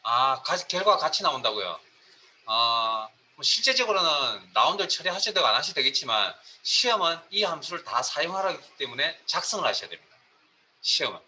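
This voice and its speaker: A man teaching a spreadsheet lesson, walking through each step and putting questions to his students. His voice sits a little high and sounds bright and sharp. A faint hiss of room noise runs underneath. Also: sing-song, a little fast, rough recording. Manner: explains step by step, quizzes students. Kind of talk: spreadsheet class lecture.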